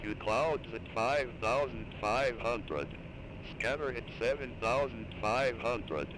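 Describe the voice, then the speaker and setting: Automated airport weather broadcast, male voice, measured number-by-number read, mid-range pitch, clear background noise. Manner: flat, measured, reading weather and runway numbers.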